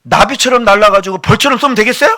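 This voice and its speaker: A male pastor giving a sermon in an animated way, with joking asides to his congregation. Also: sits high, fast.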